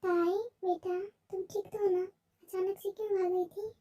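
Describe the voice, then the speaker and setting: A woman's voice: very high voice, level tone, moderate pace, mellow, recorded from a distance. A woman voicing a fussy, worried middle-aged mother with an anxious, defensive manner.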